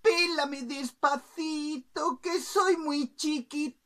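A woman voicing a tiny bird that pleads in a slow, sing-song way. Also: high-pitched, a bit bright, pitched above the performer's own voice, heavily acted. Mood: pleading.

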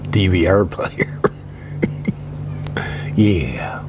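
An American man plays a librarian in an ASMR roleplay, whispering softly and haltingly in a low-pitched, expressive voice and rambling as he often murmurs little affirmations. He's outdoors at a metal picnic table under a shelter, and the recording is noisy with a traffic-like hum.

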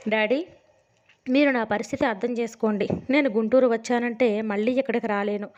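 A woman's voice: fairly high pitch, steady tone, brisk, darkish tone, natural voice. A woman narrator voicing a determined twenty-year-old girl who speaks earnestly and pleads. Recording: dull lo-fi sound.

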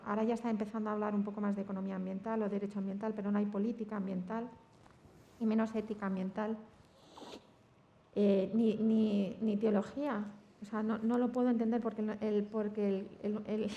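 A woman with a Spain Spanish accent. Her voice is mellow and warm, and her intonation stays fairly flat. She speaks thoughtfully and stumbles over repeated restarts. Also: medium pitch, creaky, highs cut off. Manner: thoughtful, with many restarts and fillers. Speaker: seminar panelist. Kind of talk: discussion remarks.

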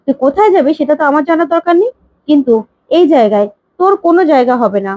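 A woman's voice: sits high, animated, racing, no echo, phone-quality sound, pitched above the performer's own voice. A woman voicing a stern, furious old grandmother who scolds her son angrily. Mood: angry. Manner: angry scolding.

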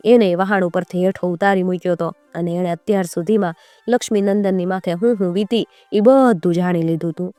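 A woman storyteller narrating a folk tale in a lively, rhythmic way. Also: on the low side, no echo.

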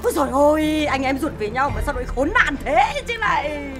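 Shrill wailing village wife. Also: female voice, expressive, fairly quick, music in the background. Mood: lamenting. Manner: loud lamenting cries, nagging. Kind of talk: slapstick comedy film acting.

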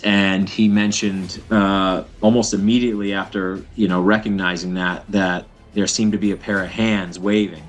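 A man in his thirties on a webcam video call, recounting a rescue at sea in a halting way, full of "uh" and "you know". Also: lowish voice, fairly bright tone. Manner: halting, many fillers and pauses. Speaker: fisherman describing a rescue. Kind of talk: casual interview account. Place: indoor room at home.

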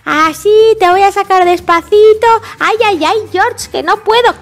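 A bossy little sister piglet scolds and fusses in a very high, squeaky voice, as a woman puts her on. Her Spain Spanish accent is clear, and she sighs over her brother between quick remarks. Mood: fussing. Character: bossy little girl pig, big sister.

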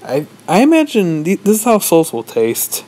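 A man's voice: sits high, normal speed, rough recording. Man rambling in mock-serious tones. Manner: rambling, deadpan, pretends to lecture. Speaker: vlogger. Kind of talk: mock-serious comedic monologue.

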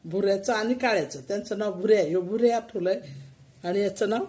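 In what sounds like casual home video narration, an older woman talks to her cats around the house and coos to them in baby-talk. She speaks quickly in a warm, mid-range voice.

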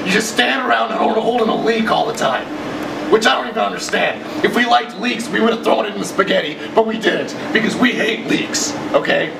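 A man's voice: high-pitched, brisk, creaky, distant mic. Young man, mocking cooking-show host. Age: young adult. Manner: rambling, mocking, deadpan insults. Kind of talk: absurd sketch comedy. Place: home kitchen indoors. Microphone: camera mic. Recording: roomy, noisy home video audio.

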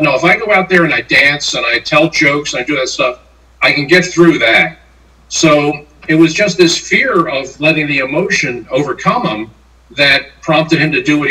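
A man's voice: fairly high pitch, pushed and bright, far from the mic. An older man answering interview questions with long anecdotes, acting out the lines he quotes. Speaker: guest, sportswriter and playwright. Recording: roomy, off-mic sound.

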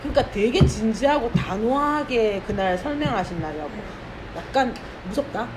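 Animated woman chatting in a noisy room. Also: fairly high pitch, normal speed. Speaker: art academy student. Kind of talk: casual group chat.

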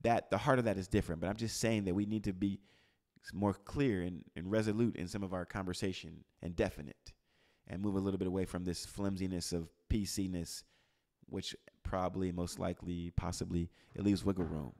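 Animated man preaching to a live group. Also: deep voice, brisk. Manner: quizzes the room, calls on people by name; animated, swings from loud to hushed. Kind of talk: interactive sermon. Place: church gathering with a live group.

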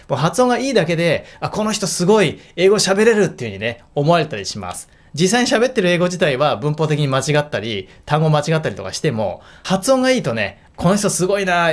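A man teaching in an emphatic, lively way in a video lesson. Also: a little high. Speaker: English teacher.

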